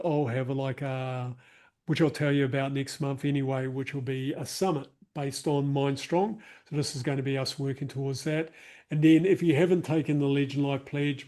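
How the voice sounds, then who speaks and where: Closing out a live online workshop, a man with a New Zealand accent chats casually to the group, full of fillers and restarts, over a video call mic. His voice is fairly high pitched and warm.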